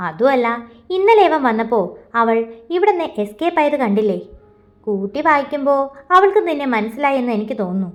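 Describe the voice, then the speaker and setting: A woman's voice: high voice, big pitch swings, a little fast, faint music behind. A woman voicing Chakku, a scheming young male friend in a storybook, eager and conspiratorial.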